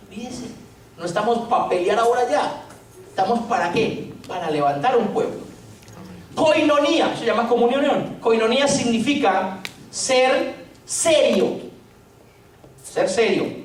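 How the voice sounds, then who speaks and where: Brief: male pastor, humorous storytelling sermon, heard from a distance in a very echoey hall. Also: high-pitched. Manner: joking, storytelling preacher with rhetorical questions. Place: church hall. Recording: echoey church hall, distant mic, faint noise.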